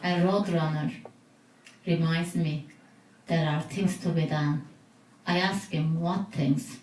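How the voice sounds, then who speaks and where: A woman poet giving a slow, deliberate poetry reading in a bar. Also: fairly low pitch, darkish tone. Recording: roomy, distant mic with noise.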